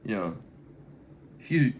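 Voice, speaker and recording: A young man talking in a casual, rambling way, full of slang and "you know", often dropping into mumbled, breathy asides. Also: slow, a little mellow, lo-fi sound, a little hiss or hum. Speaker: vlogger. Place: backyard outdoors.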